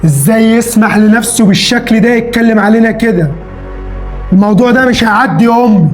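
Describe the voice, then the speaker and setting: Brief: actor doing a furious young Egyptian brother, high-pitched, shouting, faint music behind. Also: male voice, fast talker, close to an everyday voice. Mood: outraged. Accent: Egyptian Arabic. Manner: shouting, threatening. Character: hot-headed young Egyptian son, man, vengeful. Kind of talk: melodramatic short-film acting.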